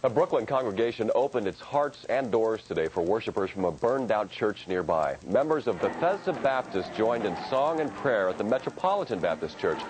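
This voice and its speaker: A male news anchor reads scripted stories in a fairly low voice. His intonation is lively, and there is faint noise behind him. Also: fairly quick, few pauses, rough recording.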